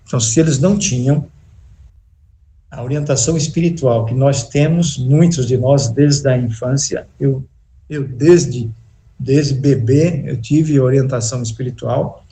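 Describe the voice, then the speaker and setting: A male pastor preaching a sermon in a church, slow and emphatic, with pauses and restarts. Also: mid-range voice, mellow. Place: church sanctuary.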